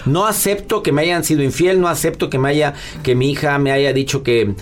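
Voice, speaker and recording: A man hosting a podcast, talking in a warm, coaxing way and often repeating words. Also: a little high, steady tone, a little fast. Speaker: podcast host. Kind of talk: casual advice talk. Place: studio booth.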